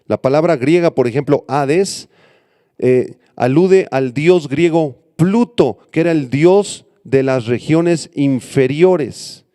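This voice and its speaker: Male pastor, mellow and smooth, dry close sound; sermon that teaches word meanings. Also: fairly high pitch, takes it slowly, no room sound. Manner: teaching, spelling out Greek and Hebrew words for note-takers.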